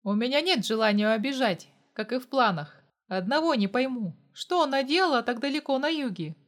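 A woman's voice: a little high, animated, a little fast, lightly acted. A woman voicing a cocky, protective young man in an audiobook, smug and mocking in manner.

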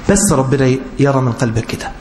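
A man preaching a sermon in an Egyptian Arabic accent, pleading with young listeners and rising to high, emphatic appeals. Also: lively intonation, fast talker, darkish tone, a little hiss or hum.

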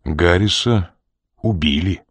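A man voicing a cold, menacing man who presses a woman with slow, quiet, threatening questions. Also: low voice, slightly rough, no room sound, full character voice.

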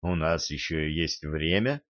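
A man reading a smooth-talking young man who lies to win women over, eager and persuasive, in a storybook narration. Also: fairly low pitch, big pitch swings, a little slow, no room sound, lo-fi sound.

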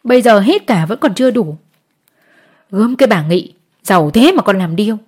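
A woman's voice: a little high, normal speed, darkish tone, close to an everyday voice. A woman voicing a poor peasant wife who pleads and cries over taxes she cannot pay. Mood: sobbing. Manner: pleading, sobbing.

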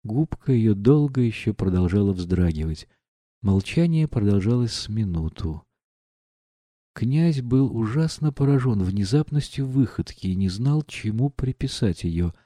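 A man narrating a classic novel as an audiobook in a measured, expressive reading. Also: lowish voice, dry recording, clean studio sound.

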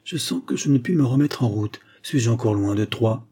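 A man's voice: mid-range voice, moderate pace, mellow, husky, lightly acted. A man reading an audiobook, voicing a poised young woman traveler who speaks with cool, amused assurance.

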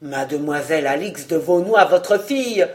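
A reader voicing an old male majordomo in an audiobook, speaking low and subdued. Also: expressive, normal speed, lightly acted. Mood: defensive. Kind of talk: audiobook character reading.

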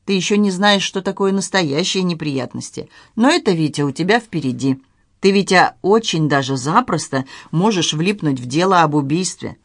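Cool-headed amateur sleuth woman, ironic and quietly threatening voiced by a narrator, dry close mic. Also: medium pitch, moderate pace, no echo. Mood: menacing. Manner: calm, ironic, quietly menacing. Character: shrewd, unflappable middle-aged woman amateur sleuth.

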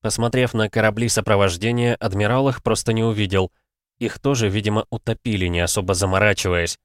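A man narrating an audiobook in a steady, dramatic storytelling manner. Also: fairly low pitch, brisk, no echo, studio quality.

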